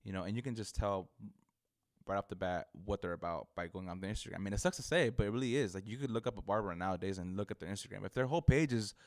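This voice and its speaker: A man with a lisp from missing front teeth, chatting earnestly and casually as an interview guest, often repeating words. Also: lowish voice. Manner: earnest, halting with repeated words, frequent "you know". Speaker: barber, podcast guest.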